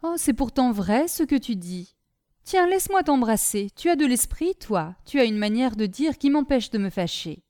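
Woman reader playing a naive, earnest young male servant: higher, mellow, rambling, eager to please. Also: very animated, normal speed, no room sound, clean studio sound.

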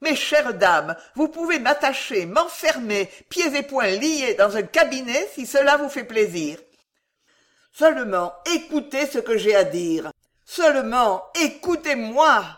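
A woman voicing a flustered elderly gentleman who pleads loudly and desperately to be heard. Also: medium pitch, sing-song, a little slow, hardly any pauses. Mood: pleading.

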